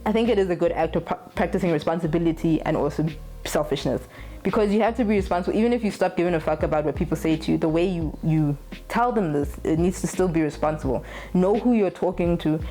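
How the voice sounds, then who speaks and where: Young woman vlogger, low mellow voice, frank and swears a lot, faint music behind. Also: fast. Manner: candid, blunt, swears freely, laughs often. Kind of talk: casual talk to camera.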